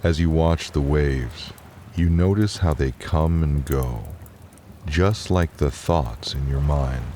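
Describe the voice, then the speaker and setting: A man with a very deep voice gives a calm, unhurried, soothing narration for guided relaxation and bedtime storytelling. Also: a little hiss or hum.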